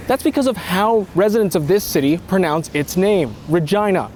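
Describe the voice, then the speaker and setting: A man news reporter reads his script with energy and punch. His voice sits high for a man. Faint noise is heard behind him. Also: animated, moderate pace, a little mellow.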